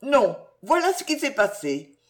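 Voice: very animated, a little slow. A reader voicing a distressed aristocratic mother, a marquise, in an audiobook, pleading and emotional. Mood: explaining. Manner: pleading, emotional, high-strung. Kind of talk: audiobook character reading.

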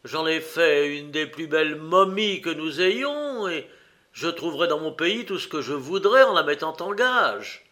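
A man voicing a hot-tempered Egyptian merchant who speaks in a loud, indignant voice. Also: on the high side, expressive, unhurried. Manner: indignant, raised voice.

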